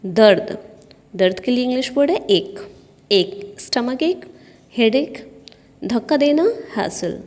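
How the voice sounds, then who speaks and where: A woman's voice: a little high, animated, takes it slowly, pauses often, a little mellow. A woman teaching English vocabulary and repeating each word in a drill. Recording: long hall reverb.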